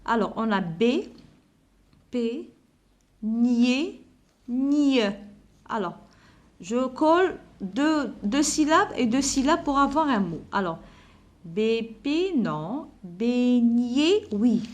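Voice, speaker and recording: A woman teaching a primary school lesson. She repeats words slowly, spells out letters and sounds, and slips in Arabic words to explain vocabulary. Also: on the high side, lively intonation. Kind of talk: slow classroom lesson explanation.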